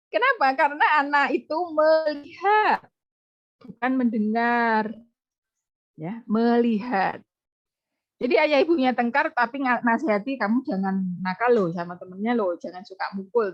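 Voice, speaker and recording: A woman giving an online lecture on child psychology in a lively way, acting out what parents say in a raised voice. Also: a little high, dull audio. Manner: lively, acts out quoted parent lines in a raised voice. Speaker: webinar speaker on child psychology.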